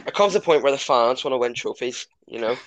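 A man's voice: mid-range voice, lively intonation, fast, a little hiss or hum. A man hosting a football podcast in a casual, chatty way. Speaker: podcast host. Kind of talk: casual chat, moderating a football discussion.

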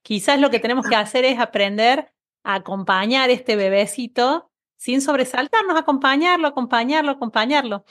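A woman's voice: sits high, moderate pace, a bit bright. A woman hosting a talk, speaking in a reflective, conversational way. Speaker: podcast host. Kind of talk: interview conversation.

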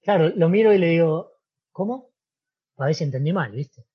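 Rioplatense man telling a story, husky. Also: on the high side, moderate pace, lo-fi sound. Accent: Rioplatense Spanish. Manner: animated storyteller, acts out dialogue, frequent "¿viste?". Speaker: interview guest, former footballer. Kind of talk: casual storytelling.

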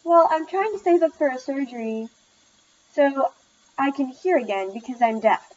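A woman's voice: high voice, lively intonation, normal speed, darkish tone, lo-fi sound, slight background noise, pitched above the performer's own voice. Deaf teen girl Allie, read by a woman. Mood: earnest. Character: deaf teenage girl, eager and possessive of her friend.

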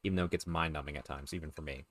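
A man co-hosting a podcast, chatting casually, rambling with restarts and quick laughs. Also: very deep voice, fairly even intonation, no echo, clean studio sound. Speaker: podcast co-host. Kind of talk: casual chat.

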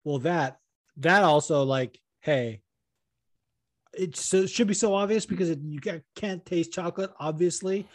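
A man's voice: on the high side, measured pace, dry recording. A man hosting a podcast, chatting casually and rambling, swearing often. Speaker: podcast host.

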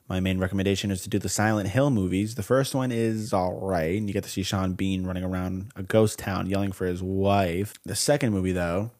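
A man's voice: low voice, a little mellow. A man in his twenties co-hosting a podcast, reading listener mail aloud with sarcastic, mock-insulting banter. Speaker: podcast co-host.

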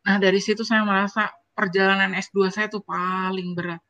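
Bright, dry-sounding woman telling her story. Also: medium pitch, moderate pace, no echo, lo-fi sound. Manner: emotional, animated storytelling that often turns to address the host. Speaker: interview guest, university lecturer. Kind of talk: personal storytelling in a conversational interview.

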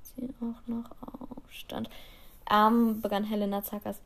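A woman's voice: a little high, steady tone, moderate pace, dark tone. A woman reading her own fan fiction aloud on a podcast, then chatting casually with fillers. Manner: chatty, filler-heavy outro. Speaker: podcast storyteller.

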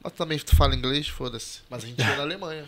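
A man's voice: mid-range voice, fast talker, crowd noise. A man, co-hosting a podcast with short, laid-back remarks. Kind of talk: casual podcast chat.

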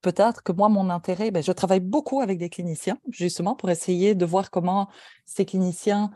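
A woman's voice: mid-range voice, steady tone, a little fast, mellow, no echo, studio quality. A woman from Belgium with a Belgian French accent, a speech therapy professor explaining her work as an interview guest, with frequent restarts. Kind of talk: conversational interview.

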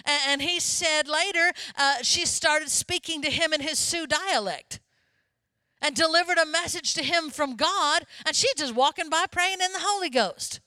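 A woman pastor preaching a sermon in a lively, conversational way, often turning to ask the congregation questions. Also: high-pitched, moderate pace, no room sound.

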